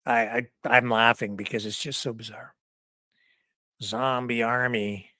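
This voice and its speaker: A man's voice: medium pitch, level tone, moderate pace, pushed and bright, dry recording, clean studio sound. A man hosting a casual news livestream, rambling and chuckling while he searches for clips.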